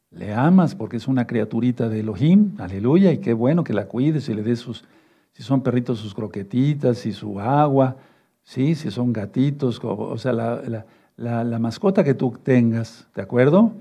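A male preacher giving a fatherly sermon, reading scripture verses slowly and often checking in with his listeners. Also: medium pitch, mellow, slightly rough. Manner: fatherly, repeats "no, no, no" and asks "¿sí?"; reads verses slowly and rereads them.

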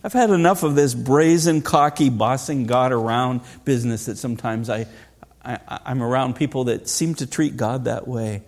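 A man's voice: mid-range voice, moderate pace, darkish tone. A middle-aged man preaching a sermon as pastor, earnest and asking rhetorical questions.

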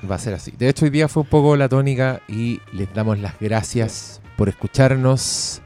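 A man's voice: medium pitch, normal speed, dark tone, faint music behind. A man with a Chilean accent co-hosting a film podcast, blunt and given to short punchy remarks. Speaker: podcast co-host. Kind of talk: casual film chat.

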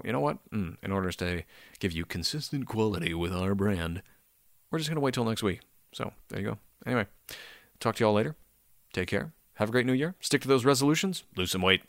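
This is a man with a deep, gravelly voice who sounds very tired and sleepy. He chats solo as a podcast host in a rambling, self-deprecating way, swearing casually. The sound is dry, with no room echo.

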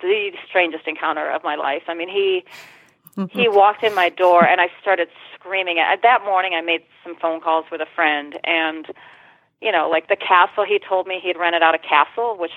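A woman's voice: lowish voice, steady tone, normal speed, dry recording. A woman guest telling a personal story in conversation, retelling it vividly and swearing freely. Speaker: interview guest. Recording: tinny phone-line sound.

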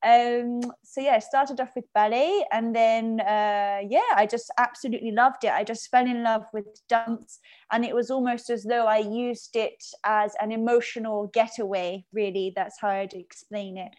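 A woman from Surrey with a southern English accent chats as a guest in a casual interview. Her voice is fairly high, and she has a giggly, outgoing way of talking. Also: steady tone, moderate pace, a little mellow. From Surrey, England. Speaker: podcast guest, dancer.

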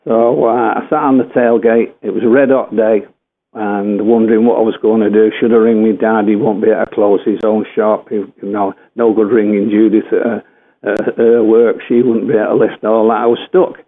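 A man's voice: on the low side, flat delivery, normal speed. Older man telling stories over a tinny line. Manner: chatty, rambling with many fillers and self-corrections. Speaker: guest, former footballer. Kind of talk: anecdotal storytelling. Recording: tinny phone-like radio line.

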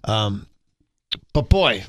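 A man's voice: fairly low pitch, sing-song, extremely slow, no room sound. A man hosting a sports radio show from a studio, joking and teasing his co-hosts with frequent laughs. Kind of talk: casual sports radio banter. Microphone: studio microphone.

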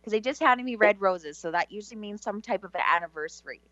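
A woman giving psychic readings on a call-in show in a halting, conversational way, repeating words. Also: medium pitch, lively intonation, a bit bright, dry recording. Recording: dull, slightly lo-fi sound.

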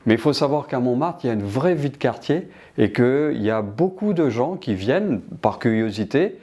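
Older guy from martinique, interview answers, lots of restarts, mellow warm tone. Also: medium pitch, expressive, moderate pace, lo-fi sound. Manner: hesitant, many restarts and fillers. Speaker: business director interviewed.

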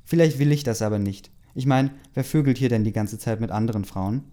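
A man reading the lines of a sharp-tongued, fed-up teenage girl werewolf in a snappy, exasperated way. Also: medium pitch, fairly quick, close to an everyday voice.

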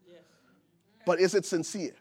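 A pastor from Liberia preaching a sermon, building to shouted emphasis. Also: male voice, high-pitched, steady tone, unhurried, husky. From Liberia, West Africa.

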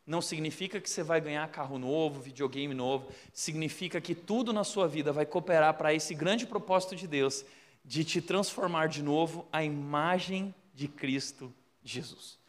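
Pastor guy preaching, high voice, acts out the stories, goes loud then hushed. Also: normal speed, long reverb tail. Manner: animated storyteller, acts out quotes, shifts between loud and hushed. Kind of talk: sermon with storytelling.

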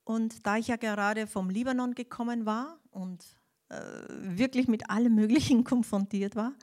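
An older woman tells her faith testimony to an audience, emotionally shaken and acting out the dialogue as she goes. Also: on the high side. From Austria. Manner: animated storytelling, acts out dialogue. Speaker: speaker giving a faith testimony.

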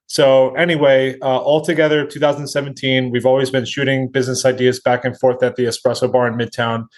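A man in his thirties, a restaurant co-founder, telling his founding story in a relaxed way. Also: medium pitch, a little fast. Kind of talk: interview guest.

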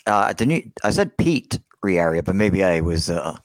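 Joking New co-host, low and dry, pitch swinging widely. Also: male voice, very animated, normal speed, no room sound. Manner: joking, wry asides. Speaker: podcast co-host. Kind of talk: casual podcast chat.

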